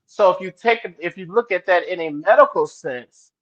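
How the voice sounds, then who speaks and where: A man with a fairly high voice talks in an animated way in a casual discussion. He repeats words as he gets going. The audio is dull and lo-fi. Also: normal speed. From New Orleans.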